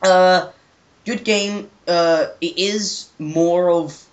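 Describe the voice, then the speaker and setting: A young adult co-host of a gaming retrospective chats casually and off the cuff, rambling and hesitant, often repeating words. The voice is medium-pitched and steady, delivered very slowly, with a lo-fi sound.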